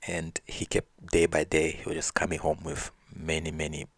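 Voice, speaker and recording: A man casually telling a folk tale in a relaxed manner. His voice is very low and flat, with a gravelly, husky texture. The recording is dry. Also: normal speed, no echo. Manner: relaxed, with restarts. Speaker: storyteller.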